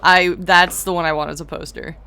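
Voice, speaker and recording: A woman's voice: fairly low pitch, steady tone, a little fast, vocal fry, pushed and bright, clean tone, soft background music. A woman streaming a game, giggling and reading on-screen text aloud with playful asides in casual commentary.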